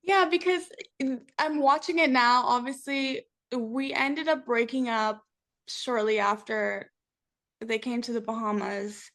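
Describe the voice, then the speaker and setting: A young woman speaks as a guest in a casual interview. Her voice sits a bit high and has plenty of vocal fry. She talks in a candid, reflective, conversational way. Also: fairly even intonation, unhurried, fairly bright tone. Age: young adult. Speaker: interview guest, reality TV cast member.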